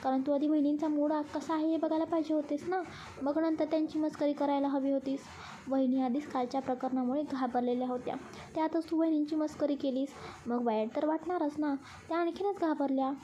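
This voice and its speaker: A woman voicing a calm young man who advises his friend patiently in a storybook reading. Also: high voice, brisk, highs cut off, lightly acted. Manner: reasoning, advising gently.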